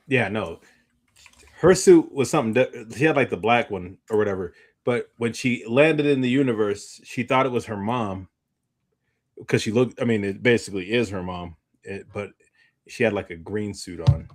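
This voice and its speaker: A man co-hosting a movie discussion show chats casually, rambling as he searches for words. His voice is lowish and his speed normal.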